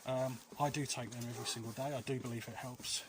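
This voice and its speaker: The man, a vlog host, has a medium-pitched voice with fairly even intonation and a fast delivery. Walking outdoors through alleys, he rambles through earnest, comforting advice for viewers, often losing the thread, with outdoor sounds clearly audible.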